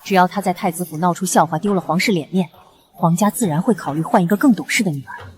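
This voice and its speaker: A woman's voice: lowish voice, quick pace, lightly acted. A middle-aged actress playing a scheming mother of a noble house, coaxing and calculating. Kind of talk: short period drama acting.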